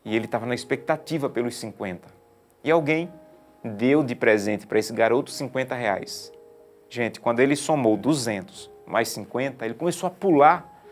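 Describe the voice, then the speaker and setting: A man pastor preaching a sermon with a mid-pitched voice. He moves from loud, stressed appeals to quiet, intimate lines, and soft music sits far behind him. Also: moderate pace.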